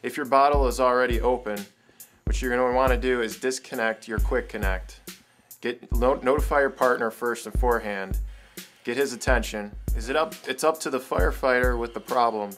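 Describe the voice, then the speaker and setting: A man's voice: mid-range voice, moderate pace, a bit bright. A man giving step-by-step instructions as a firefighter training instructor, in a plain, procedural manner. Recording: echoey room, music underneath.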